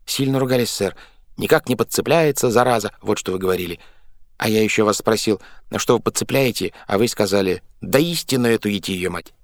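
A man's voice: fairly low pitch, brisk, dry recording, lightly acted. Man doing a stubborn, sullen sailor. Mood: blunt. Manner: stubborn, blunt reporting.

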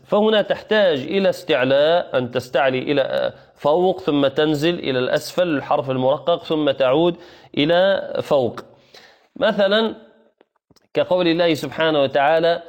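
A man teaching Quranic recitation rules, explaining step by step, asking the listeners questions and stretching sounds slowly to demonstrate them. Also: on the high side, muffled recording. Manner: asks the listeners questions to keep their attention. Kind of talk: tajweed lesson.

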